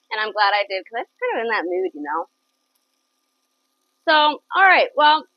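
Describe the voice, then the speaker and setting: A cooking channel host with a mid-range voice runs a live cooking show from her home kitchen, chatting enthusiastically and often repeating herself. The audio is dull, with no room sound.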